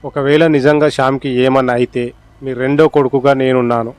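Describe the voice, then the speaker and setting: A man's voice: mid-range voice, flat delivery, fairly quick, clean tone, no room sound, close to an everyday voice. A man voicing a helpful, reassuring young friend of the family in a storybook reading.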